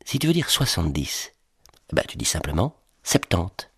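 A man's voice: deep voice, very animated, normal speed, creaky, fairly bright tone, breathy edge, dry recording, clean studio sound. A man, explaining words to children with playful, mock-serious asides. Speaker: comic presenter.

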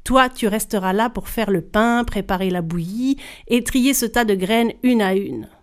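A woman's voice: medium pitch, moderate pace, natural voice. A harsh, greedy stepmother , as a woman storyteller puts her on, barking orders. Her tone is cold and contemptuous, with no room for argument. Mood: commanding.

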